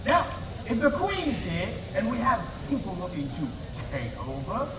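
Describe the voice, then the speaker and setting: A man's voice: high-pitched, huge pitch swings, normal speed. A man playing a commanding captain of the royal guard in a live comic fair show, theatrical and speaking mock-archaic English. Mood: encouraging. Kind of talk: live comic stage performance with audience participation. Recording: distant, echoey, noisy outdoor fairground recording.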